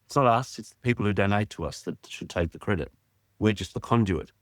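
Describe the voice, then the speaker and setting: A man, a charity president answering interview questions in a measured, earnest way. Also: on the low side, dry recording.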